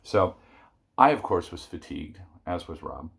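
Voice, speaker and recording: A man's voice: sits low, sing-song, moderate pace, vocal fry, a bit bright, husky. An older man telling a rambling personal story in a casual vlog, with many fillers and asides.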